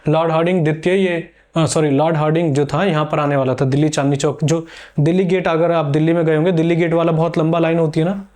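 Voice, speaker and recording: Storytelling male history teacher, higher voice. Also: fairly even intonation, fast talker, darkish tone. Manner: storytelling, explanatory, answers viewer questions. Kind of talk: exam-prep history lesson.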